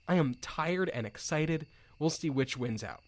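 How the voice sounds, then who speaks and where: A man with a fairly high, animated voice speaks at an unhurried pace, playing a nerdy, earnest field researcher in a drama. He rambles into an audio log with insects audible behind him, sounding wistful and musing, hesitating and exclaiming as he goes.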